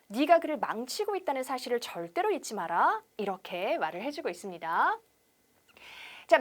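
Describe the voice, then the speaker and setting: A woman teaching English on television. She explains in Korean, asks rhetorical questions and drills example sentences slowly. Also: high-pitched. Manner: lively instructor patter with rhetorical questions.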